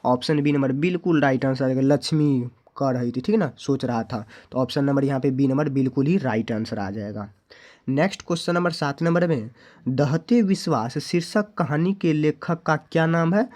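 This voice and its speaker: Indian guy going over exam answers, keeps saying remember it, normal pitch. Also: normal speed, a little mellow. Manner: repetitive, keeps asking students to remember. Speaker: teacher. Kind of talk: exam question walkthrough.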